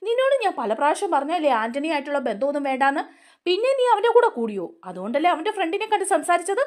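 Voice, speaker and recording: A woman's voice: high-pitched, big pitch swings, rapid-fire. A woman voicing a stern grown man who scolds and questions a younger relative.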